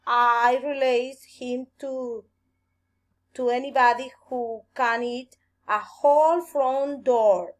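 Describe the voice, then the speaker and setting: A woman voicing a smug, stubborn witch in a fairy tale, speaking slowly and teasingly. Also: high voice, steady tone.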